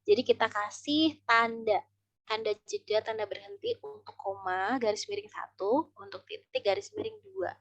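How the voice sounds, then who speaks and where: A woman's voice: fairly high pitch, animated, normal speed, no echo. A woman speaker in a webinar, explaining public speaking and voice-over tips with demonstrations. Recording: dull online call audio.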